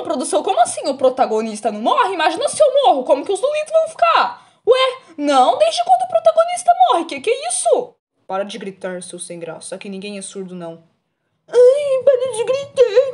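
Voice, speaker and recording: A Brazilian woman voicing an excitable male cartoon pony in a fan role-play, melodramatic and gasping, with a Brazilian Portuguese accent. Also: very high voice, a little fast, few pauses. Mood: shocked.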